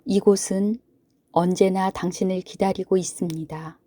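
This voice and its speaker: Woman doing sleep story narration, real slow and gentle, dark mellow voice, super dry close sound, hushed and soothing. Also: medium pitch, steady tone, dry recording. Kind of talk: sleep story narration, guided Buddhist relaxation.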